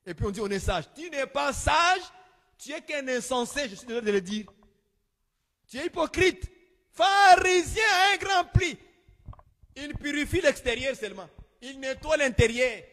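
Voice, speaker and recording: Preacher guy with a really high voice, yelling then going quiet, big hall echo. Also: expressive, moderate pace. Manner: exhorting, rising into shouts then dropping low. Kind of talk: sermon. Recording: long hall reverb.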